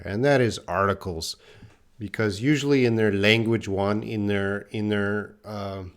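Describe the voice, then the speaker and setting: A middle-aged man with a fairly low voice runs a live online English class. He answers learners' comments plainly and calls each of them by name.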